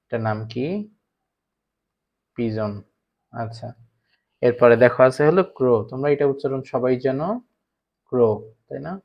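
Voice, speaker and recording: A man's voice: medium pitch, fairly even intonation, fast, gravelly. Bangladeshi teacher quizzing his class. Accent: Bangladeshi Bengali. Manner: asks students questions and answers them himself. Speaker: English teacher. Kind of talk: online class lecture. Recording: slightly dull lo-fi recording.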